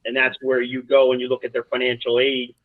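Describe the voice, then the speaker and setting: Interview guest: man from South Jersey, a soccer coach, rambling and animated, dry phone-like sound. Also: medium pitch, brisk, no room sound. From South Jersey, USA. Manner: animated, rambling anecdotes with many restarts. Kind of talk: casual storytelling interview. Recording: dry, tinny phone-like line.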